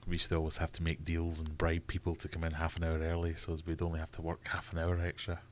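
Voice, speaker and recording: A man's voice: low voice, monotone, fast talker, a little hiss or hum. A Scottish man hosting a casual livestream, chatting and reading viewer comments aloud with frequent laughs. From Scotland. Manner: chatty, laughs often, reads chat aloud. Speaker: livestream host.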